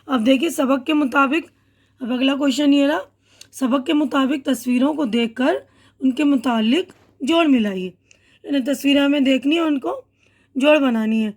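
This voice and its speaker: A woman teacher with an Indian Urdu accent, patiently explaining a school lesson to children and correcting her own slips. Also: sits high. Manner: patient, repeats and corrects herself.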